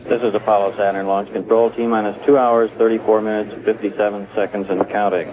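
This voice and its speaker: A man giving steady live countdown commentary from launch control, heard as a crackly radio transmission. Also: on the low side, crowd noise. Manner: steady, measured announcer delivery. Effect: crackly radio transmission sound. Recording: noisy lo-fi archival radio broadcast.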